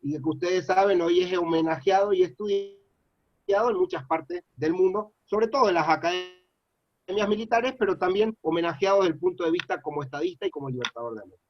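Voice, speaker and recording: With a high-pitched voice and a brisk delivery, this middle-aged Mendoza native lectures the public earnestly, wandering off track and filling gaps with "eh" and "este." His Argentine accent comes through a dull, lo-fi recording with no echo.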